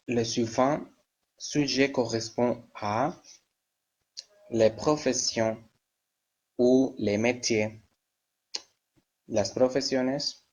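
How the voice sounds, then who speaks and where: A man teaching a French lesson, who spells word endings letter by letter and repeats each word slowly. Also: fairly low pitch, a little mellow. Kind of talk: slow step-by-step language lesson.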